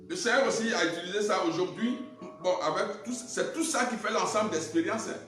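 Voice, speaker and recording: Animated preacher in an echoey hall. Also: male voice, high-pitched. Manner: animated, swings from loud to hushed. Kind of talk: sermon with personal testimony. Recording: echoey hall, voice from far off, music behind.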